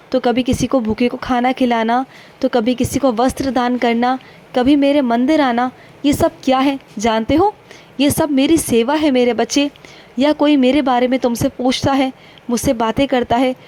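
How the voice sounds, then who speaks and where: A woman voicing a gentle fatherly saint. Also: high voice, lightly acted. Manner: tender, instructive, repeats "my child" constantly. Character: gentle fatherly male saint counselling his devotees. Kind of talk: devotional first-person message.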